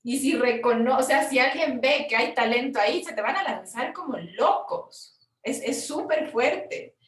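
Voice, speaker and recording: A Chilean woman, a film producer, explaining funding forms in a frank, conversational workshop talk with quick asides. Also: high voice, animated, reverberant, far from the mic. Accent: Chilean Spanish.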